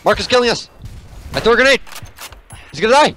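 A young man casually commentating his online gameplay, excitable and joking, often yelping when he gets a kill. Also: very high voice, quick pace, slight background noise. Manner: excitable, yelps and jokes. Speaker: gamer. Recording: game music behind.

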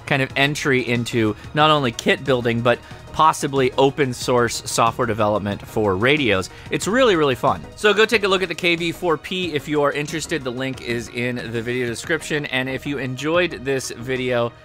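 Speaking at a normal pace in a mid-range, fairly bright voice, an American man in his forties runs a ham radio video channel. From his home studio workbench he demos gear to camera, conversational and eager to teach, over quiet background music.

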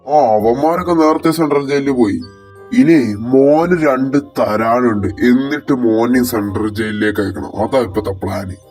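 A man voicing a stern, scheming police officer in a game role-play, gruff and matter-of-fact. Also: mid-range voice, moderate pace, darkish tone, soft background music, natural voice.

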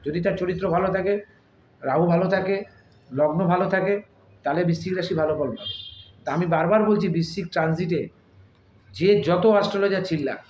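Male astrology host, high voice, slow and emphatic, repeats himself, asks rhetorical questions; roomy echo, faint background noise. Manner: slow, deliberate speech. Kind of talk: astrology talk to camera.

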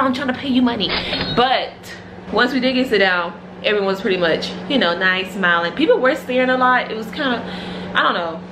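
With background noise around her, a woman in her twenties with a fairly high voice vlogs casually and candidly about beauty, laughing often. She holds her phone camera at arm's length, recording in her home living room and at a nail salon.

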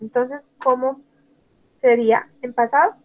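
Woman teacher, fairly high voice, unhurried delivery; spells each word aloud and calls on students by name. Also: steady tone, phone-quality sound. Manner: slow, spells out words letter by letter. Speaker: English teacher. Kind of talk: online language lesson.

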